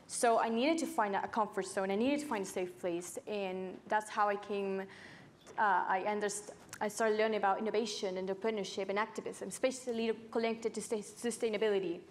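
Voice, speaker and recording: On stage at an indoor panel event, a nineteen-year-old youth climate activist from Santiago tells a personal story conversationally. She's a native Spanish speaker with a Chilean accent, speaking fairly quickly in a steady, mid-range voice into a lapel mic, with slight background noise.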